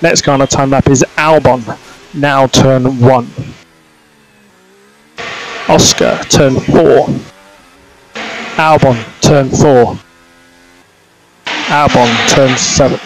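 A male race engineer speaks in short, procedural bursts as a spotter over team radio. His voice sits at a medium pitch. The transmission is noisy, with clicks and vehicle sound. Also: fairly even intonation, takes it slowly, pauses often. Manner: terse, clipped, procedural callouts. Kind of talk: race spotter radio, calling traffic to driver.

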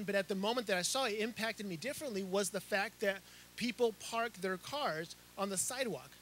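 A middle-aged pastor who grew up in Chile preaches outdoors under a tent, holding a handheld mic. His voice sits very high for a man and rings bright and forward. He gestures as he talks, doubling back on words and restarting phrases, with a faint hiss behind him. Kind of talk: sermon. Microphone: handheld microphone.

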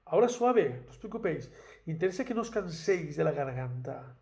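A man's voice: on the high side, big pitch swings, brisk, vocal fry, a little mellow. A man teaching a singing lesson in Spanish, talking through exercises with encouragement and singing short scale demonstrations on "la". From Spain. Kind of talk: vocal lesson with sung exercises.

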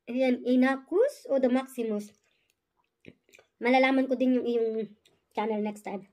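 A woman's voice: high voice, mellow. A woman with a Filipino accent, chewing while talking as she eats on camera and greets viewers by name. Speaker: mukbang vlogger. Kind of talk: casual chat.

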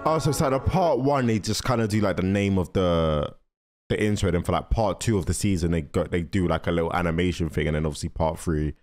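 A reaction video host in his twenties rambles casually in slang, close on a desk microphone with a headset on, in a small carpeted room indoors. His low voice is quick and darkish in tone, with soft music in the background.

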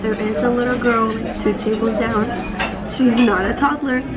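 A woman's voice: a little high, fairly even intonation, normal speed, loud music behind the voice. A woman in casual chat, teasing and laughing with her partner at a restaurant table. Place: busy restaurant. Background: crowd chatter and noise.

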